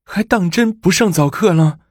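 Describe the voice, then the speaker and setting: A man's voice: high voice, moderate pace, husky, dry recording, studio quality, pitched above the performer's own voice. A man voicing an eager, fawning female nun who speaks in an agitated rush of accusation.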